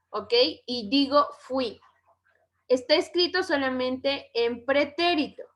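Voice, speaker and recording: Slow, bright-voiced Mexican woman teaching. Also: fairly high pitch. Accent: Mexican Spanish. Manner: slow, checks in with "¿ok?". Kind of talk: grammar lesson for schoolchildren.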